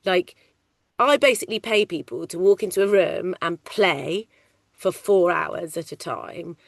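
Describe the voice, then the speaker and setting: A middle-aged woman working in film casting, talking loudly and animatedly in a casual interview. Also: on the low side, a little slow, vocal fry, no room sound, clean studio sound. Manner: loud, animated, chatty storyteller. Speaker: ADR casting coordinator.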